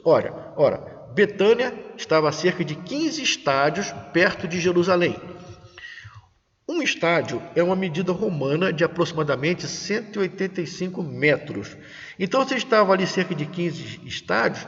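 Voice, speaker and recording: A man leading a Bible study in a church, reading verses aloud and explaining them in plain conversational words. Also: fairly high pitch. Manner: lively, swinging intonation with stressed words. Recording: dull sound with long reverb.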